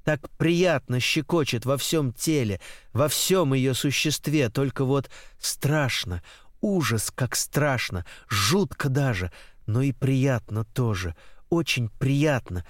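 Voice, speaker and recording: A man narrating a literary novel as an audiobook in a steady, rhythmic, repetitive cadence. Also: medium pitch, slow, no echo, clean studio sound. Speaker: audiobook reader.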